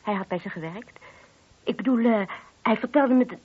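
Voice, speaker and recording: A fairly high, breathy-edged female voice delivers Dutch radio drama dialogue at a moderate pace. The actress portrays a married woman, a discreet yet gossipy witness who comes across hesitant, confiding and slightly defensive, heard through a muffled, lo-fi old radio recording.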